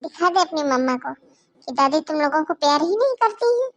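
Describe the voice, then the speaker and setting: A scolding, sarcastic old grandmother from a cartoon moral story, voiced by a woman. She taunts and complains in a high, gravelly voice. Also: steady tone, normal speed. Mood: loud complaining. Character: nagging sarcastic old grandmother, mother-in-law.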